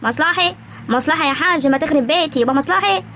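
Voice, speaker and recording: A woman voicing an older, jealous village wife in an animated comedy, scolding in an Egyptian rural accent. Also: sits high, slight background noise. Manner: scolding, quick, indignant.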